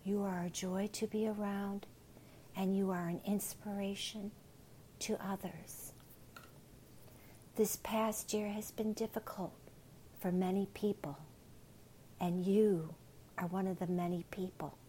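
A woman whispering soothing guided relaxation and gentle affirmations in an unhurried ASMR style. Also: mid-range voice, level tone, a little hiss or hum, rough recording.

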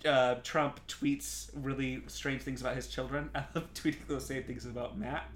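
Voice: mid-range voice, fairly even intonation, moderate pace, reverberant, a little hiss or hum. A podcast co-host in casual chat, blunt and swearing freely, laughing often.

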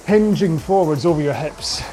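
A man coaching an indoor rowing workout, giving slow, measured cues about posture and pace. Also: on the high side, expressive, dark tone, soft background music.

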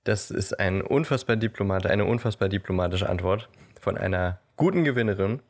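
Low, gravelly man, joking podcast host. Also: a little fast. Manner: playful, joking, laughs often. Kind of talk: casual podcast chat.

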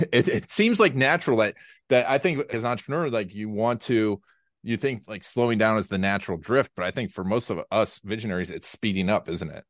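Very deep-voiced hesitant male host. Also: brisk, no room sound, studio quality. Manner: conversational, hesitant, lots of "like". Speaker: podcast host. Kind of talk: casual interview talk.

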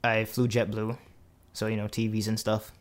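A young man recounting his own story in a relaxed, chatty interview. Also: on the low side, moderate pace. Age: young adult. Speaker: interview guest. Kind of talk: casual interview.

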